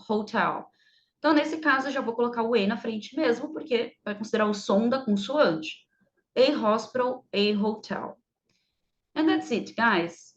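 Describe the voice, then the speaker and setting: Chatty woman teacher, fairly high voice. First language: Portuguese. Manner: slow, exaggerated English examples within chatty explanation. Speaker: English teacher. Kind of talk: explaining English grammar to Portuguese speakers. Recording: slightly dull, lo-fi sound.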